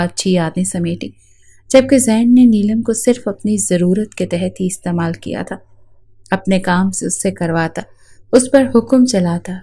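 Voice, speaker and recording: A woman narrates a dramatic story in a steady, even reading. Her tone is mellow and dark rather than bright. She sits at a middle pitch for a woman.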